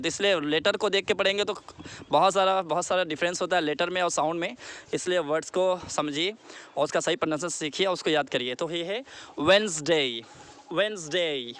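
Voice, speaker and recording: A man from India teaching a basic lesson online, earnestly repeating words slowly for pupils to copy. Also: high voice, fairly bright tone. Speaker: English teacher.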